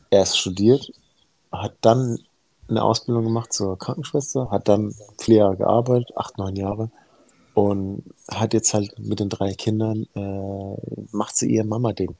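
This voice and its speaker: A man in his thirties with a low, dark and gravelly voice talks candidly in a podcast interview. He comes across as frank and earnest, and the recording is dry and close. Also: no echo, rough recording. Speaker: heart surgeon guest.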